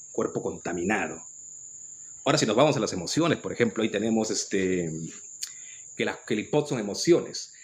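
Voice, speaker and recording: A man with a Peruvian accent giving an earnest, lecturing spiritual monologue, often restarting his phrases. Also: fairly low pitch. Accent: Peruvian Spanish. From Peru. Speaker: spiritual commentator.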